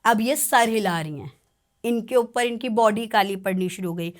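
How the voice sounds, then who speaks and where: A tarot reader and spiritual practitioner with a medium-pitched voice tells a client's story on a podcast at a moderate pace. She is earnest and animated, often checking that the listener is following along.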